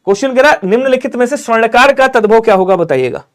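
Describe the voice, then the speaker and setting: A man teaching a live online exam-prep class, urging viewers to comment quickly and answering in his students' voice. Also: very high voice, lively intonation. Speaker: Hindi teacher.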